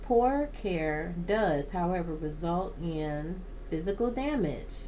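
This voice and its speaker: Slow, halting woman reading a plant book. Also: lowish voice, lively intonation, warm tone, slight background noise, low-quality recording. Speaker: plant channel host.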